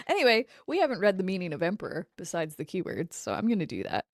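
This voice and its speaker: A woman's voice: lowish voice, very animated, brisk, dry recording, clean studio sound. A woman co-hosting a casual podcast, reading tarot card meanings aloud and chatting, often laughing, over a remote call. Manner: laughs often, reads aloud then chats. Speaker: podcast co-host. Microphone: remote call recording.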